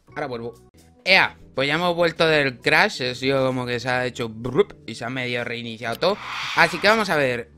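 This gaming YouTuber is a young, joking guy with a medium pitch and plenty of energy. His let's-play commentary is casual, full of swearing and remarks aimed at the characters on screen.

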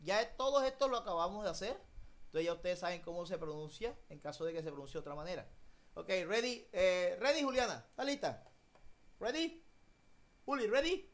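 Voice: mid-range voice, expressive, fairly quick. A teacher running an online English class for children, switching between Spanish and English, patient and encouraging as they coax each child by name.

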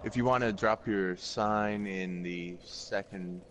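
A young man with a low voice chats casually with his gaming partner. Faint game ambience runs behind the talk. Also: fairly even intonation, slow pace, fairly bright tone, slight background noise. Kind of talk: casual gameplay chat.

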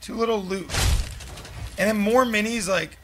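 A man's voice: sits high, measured pace, noisy background. A young man streaming a video game as a raging gamer, slangy and exasperated, complaining to his chat as he plays. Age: young adult. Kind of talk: live gameplay commentary with slangy chat to viewers. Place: small room at home.

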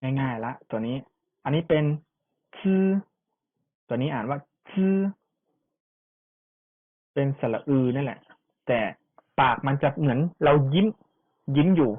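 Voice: medium pitch, expressive, a little slow, long pauses. A language teacher giving an online pronunciation lesson, repeating each syllable for students to copy, with chatty asides. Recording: tinny phone-like sound.

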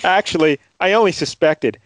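A man co-hosting a casual podcast chat, laid-back and quick to laugh. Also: fairly high pitch, fairly bright tone, dry recording. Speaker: podcast co-host.

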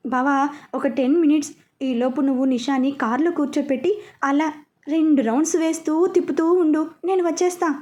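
A woman's voice: high voice, fairly even intonation, normal speed, a little mellow, natural voice. A woman voicing a carefree young man who talks coolly and teasingly, in a spoken story. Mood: casual. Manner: cool, teasing, offhand.

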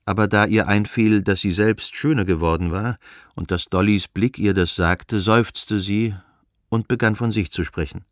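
A man reading a classic novel as an audiobook narrator, calm and measured. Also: lowish voice, no echo, clean studio sound.

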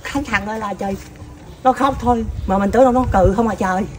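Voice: medium pitch, fast talker, a little hiss or hum, lightly acted. Comedy skit: an adult as a hot-tempered older relative, Southern Vietnamese accent, exasperated and scolding. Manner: loud exasperated scolding, repeated sighing exclamations.

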